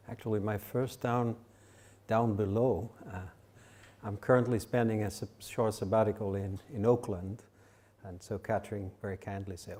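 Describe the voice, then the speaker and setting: A man's voice: medium pitch, warm tone. An older man giving a public lecture as guest speaker, with non-native phrasing and frequent restarts.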